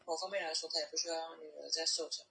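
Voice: mid-range voice, level tone, very fast, creaky, pushed and bright, breathy edge. A podcast co-host talking casually over a phone call, thoughtfully offering personal interpretations in a conversational way. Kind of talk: casual conversational discussion of a comic.

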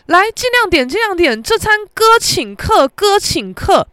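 A woman voicing a flustered, pushy young man who turns shrill and rushed, with frantic, boastful outbursts. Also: very animated, bright, forceful tone, dry recording, studio quality, full character voice.

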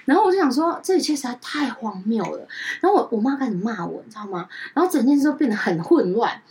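A woman co-hosting a chat podcast, telling a family story in a lively way and acting out relatives' lines. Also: fast talker, recorded from a distance. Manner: animated, acts out family members' lines with big pitch jumps. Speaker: podcast co-host.

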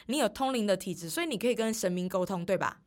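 A woman hosting a studio interview, asking quick, curious follow-up questions. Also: mid-range voice, lively intonation. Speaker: host. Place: podcast recording studio.

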